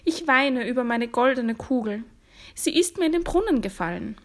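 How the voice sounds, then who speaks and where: A spoiled young princess from a storybook, as a woman reading the tale puts her on, high and plaintive as she pleads and explains herself. Her voice sits well above a woman's usual talk. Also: animated, normal speed. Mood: eager.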